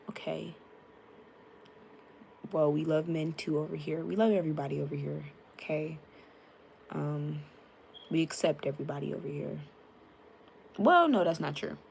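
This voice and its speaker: With a low, gravelly, slightly mellow voice, a young woman from the United States speaks frankly to her live-stream viewers through a tablet mic. She greets people by name and uses plenty of fillers, and there is a little hiss or hum on the recording.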